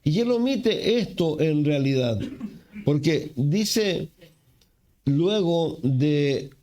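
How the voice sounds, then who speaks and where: A man from Chile preaching a sermon as pastor, unhurried, with fillers and self-corrections. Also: a little high, expressive, warm tone. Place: church.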